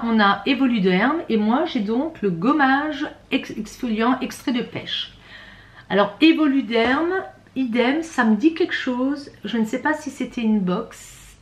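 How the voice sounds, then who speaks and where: Woman beauty vlogger with a rattly voice, chatty and hesitant, pitched a little high, in an echoey room. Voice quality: self-described rattly voice. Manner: chatty, hesitant, many fillers and restarts. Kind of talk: casual unboxing chat.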